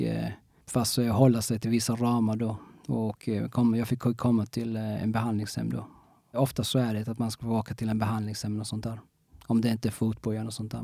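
A young man telling his own story in a casual interview, halting often and restarting with many fillers. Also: lowish voice, vocal fry, warm tone, dry recording, clean studio sound.

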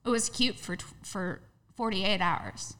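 A woman's voice: medium pitch, a little slow, sharp tone. A young woman co-hosting a podcast, chatting casually with crude jokes and frequent laughter. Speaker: podcast co-host. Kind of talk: casual chat.

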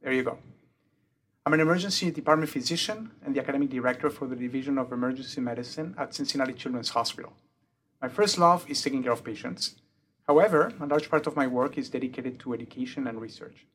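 A man's voice: mid-range voice, quick pace, a little hiss or hum. A man with a mixed French and Mexican accent, a pediatric emergency doctor, methodically explaining his research in an interview. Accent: mixed French and Mexican Spanish. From born in the UK, grew up in Mexico. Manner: methodical, lists points in a steady explanatory way.

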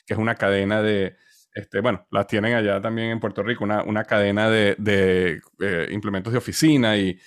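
A podcast guest in his forties with a Venezuelan Spanish accent tells his story as a conversational interview answer. He is hesitant and often repeats words while searching for them. His voice is on the low side with little pitch movement, brisk, and recorded in a clean studio with no echo.

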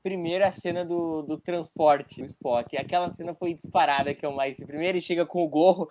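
A man co-hosting a casual podcast chat, quickly and jokily retelling scenes. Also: on the high side, fairly even intonation, darkish tone, highs cut off, slight background noise. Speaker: podcast co-host.

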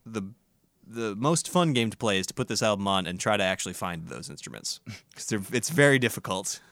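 A man's voice: lowish voice, animated, a little fast, a bit bright, no room sound, clean studio sound. A man hosting a casual music podcast, reviewing records in an enthusiastic, profane, rambling way.

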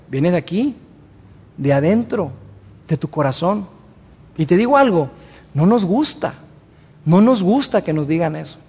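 A man preaching a sermon as pastor, in a conversational way, acting out everyday excuses in quick asides. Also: high voice, slightly rough. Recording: long reverb of a large hall.

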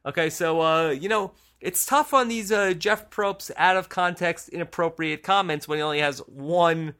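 A man's voice: fairly high pitch, moderate pace, sharp tone, smooth. A man hosting a podcast, chatting casually and laughing often. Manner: laughs often, loose and joking. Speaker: podcast host.

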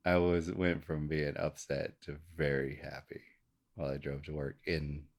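A man's voice: extremely low pitch, little pitch movement, moderate pace, gravelly. A male podcast co-host telling a story in casual chat, laid-back, laughing often and swearing casually.

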